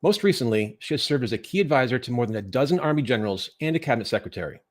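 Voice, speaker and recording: A man hosting an interview show, introducing his guest in a brisk, upbeat way. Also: mid-range voice, expressive. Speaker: host.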